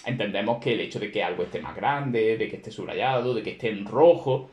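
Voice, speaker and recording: A man's voice: fairly low pitch, a little fast, a little mellow, roomy sound. A man teaching a class, explaining at length in a conversational way with many fillers and rhetorical questions to his students. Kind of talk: classroom lecture.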